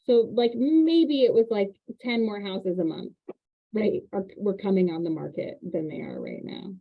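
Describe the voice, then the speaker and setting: A woman hosting a casual chat about renting, telling animated stories about parking. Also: medium pitch, normal speed, creaky. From Indiana. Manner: chatty, animated storytelling with laughs. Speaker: real estate agent and host. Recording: tinny phone-like line.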